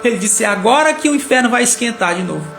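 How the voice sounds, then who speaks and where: Man, high voice, animated sermon storytelling, echoey room, faint background music. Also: quick pace, creaky. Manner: animated, acts out the characters' lines. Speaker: preacher.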